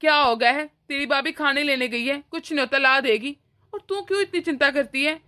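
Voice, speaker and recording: A woman's voice: high-pitched, a little fast, sharp tone. A woman doing a protective cartoon brother. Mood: affectionate. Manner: firm, scolding yet affectionate. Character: caring protective older brother, young man. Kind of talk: animated cartoon voice acting.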